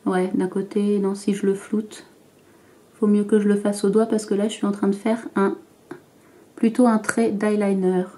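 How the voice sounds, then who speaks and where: A woman's voice: medium pitch, flat delivery, moderate pace, warm tone. A woman vlogger talking through her makeup routine to camera, chatty and hesitant, with frequent fillers and restarts. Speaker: beauty vlogger. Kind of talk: makeup tutorial talk to camera.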